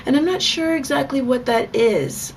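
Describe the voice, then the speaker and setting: A woman's voice: high voice, moderate pace, slight background noise. A young adult woman talking frankly and chattily in a casual vlog monologue. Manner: frank, chatty, with bursts of laughter. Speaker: vlogger.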